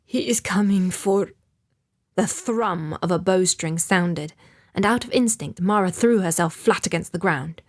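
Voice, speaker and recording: A woman reading a novel aloud as an audiobook narrator in a measured, even storytelling manner. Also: lowish voice. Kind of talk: scripted narration.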